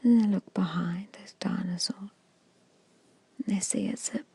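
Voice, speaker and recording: A woman guides a meditation like an ASMR hypnosis storyteller, speaking slowly and soothingly in an extremely breathy, hushed whisper with a creaky grain. Her voice is mid-range and steady in tone. The recording is very dry and close to the microphone.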